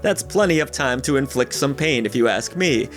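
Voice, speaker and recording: A man's voice: medium pitch, animated, normal speed, fairly bright tone. A man narrating a scripted roundup of new game releases in an upbeat, jokey way, with playful asides, over background music. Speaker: gaming channel host.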